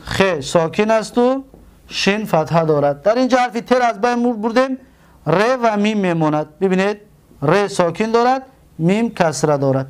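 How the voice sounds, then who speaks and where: Tajik-accented male teacher, fairly high voice, walks through each step, quizzes himself aloud. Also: lively intonation, clear, resonant tone. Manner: explains step by step, asks and answers his own questions. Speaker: Arabic grammar teacher. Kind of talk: classroom lesson at a board.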